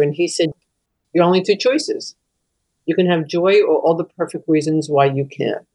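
A woman who works as a hospital chaplain, telling stories in an interview in a lively, candid way, laughing often and sometimes breaking into off-key singing. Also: low voice, poor audio.

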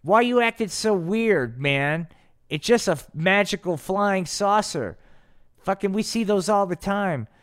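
A man's voice: sits high, expressive, normal speed, few pauses, a bit bright, clear, resonant tone, pitched above the performer's own voice. A man voicing a cocky little reindeer who scares easily, whiny and naive. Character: cocky little reindeer turned frightened crybaby.

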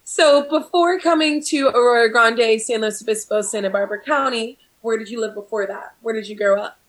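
A woman hosts a casual interview in a slightly high voice. She encourages her guest with short, enthusiastic reactions. Her questions come in an easy, friendly conversational tone. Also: moderate pace. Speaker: interviewer, host.

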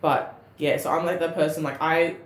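A woman's voice: low-pitched, normal speed. A young woman with a broad Australian accent, chatting casually and bluntly on a comedy podcast, swearing freely as she tells stories. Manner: sweary, blunt, animated storytelling. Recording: roomy, echoey sound.

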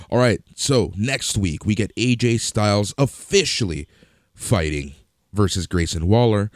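Deep voiced guy recapping wrestling, dry deadpan jokes, no room echo at all. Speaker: podcast co-host. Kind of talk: casual wrestling recap chat.

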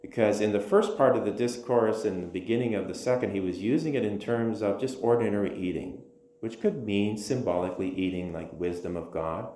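A man teaching a Bible lesson in a measured, emphatic way, quoting scripture aloud. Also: on the low side, dark tone, reverberant, a little hiss or hum.

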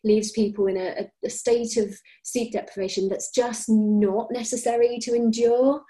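A British woman with a mellow, warm tone chats on a parenting podcast. She gives advice in a reassuring, encouraging way, conversational and unforced. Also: on the high side, steady tone, moderate pace, poor audio.

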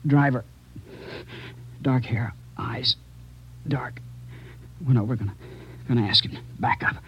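An American man playing a wounded, dying policeman in an old radio drama, dazed, weak and gasping in halting fragments. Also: mid-range voice, slight background noise, close to an everyday voice. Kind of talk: 1950s radio drama acting. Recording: muffled old radio recording.

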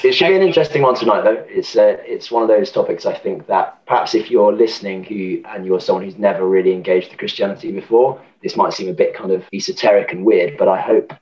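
Raspy hoarse man, quick talker. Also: fairly low pitch, darkish tone. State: hoarse with a sore throat and cold. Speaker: guest. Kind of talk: casual discussion. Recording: slightly dull audio.

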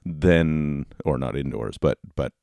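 A man hosting a podcast solo in a casual, rambling way, with halting, informal delivery. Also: very deep voice, vocal fry, darkish tone, dry recording, clean studio sound. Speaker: podcast host. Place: basement office at home. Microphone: close podcast microphone.

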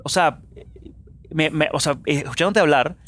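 A young man from Venezuela, a guest musician in a casual interview, telling animated stories full of fillers. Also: a little high, moderate pace. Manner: animated storyteller, many fillers.

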